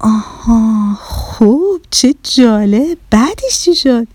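A woman's voice: fairly high pitch, animated, darkish tone, breathy edge, no room sound. Woman voicing a patient, curious listener. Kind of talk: children's storytelling.

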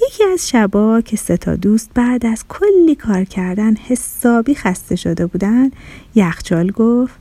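A woman's voice: fairly high pitch, lively intonation, no room sound. A woman narrating a children's story in a playful storybook manner. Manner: warm storybook telling, playful rhyming words.

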